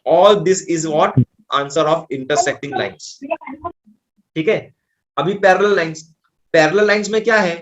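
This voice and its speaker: A man with an Indian accent tutoring maths, his voice pitched a little high. He works through each step out loud as he writes. He keeps reassuring the student that it is all simple. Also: slow pace, long pauses. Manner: breezy, reassuring, thinks aloud while writing. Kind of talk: explaining maths problems.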